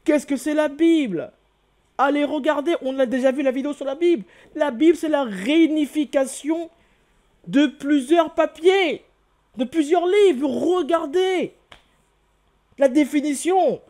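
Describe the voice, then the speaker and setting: A man's voice: extremely high pitch, unhurried, a little mellow. A man giving a video lesson as host, exclaiming often and repeating his key words, asking the listener questions and answering them himself. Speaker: channel host teaching hieroglyphs.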